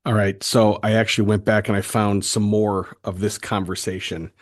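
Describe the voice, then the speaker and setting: A man's voice: on the low side, level tone, normal speed. A man hosting a solo podcast, talking earnestly and emphatically, often stammering and restarting his sentences. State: fired up. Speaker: podcast host.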